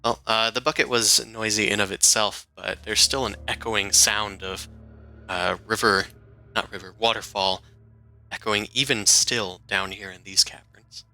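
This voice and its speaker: A man's voice: on the low side, fairly even intonation, a little slow, pushed and bright. A man narrating a tabletop role-playing game as game master in a casual, improvised, conversational way.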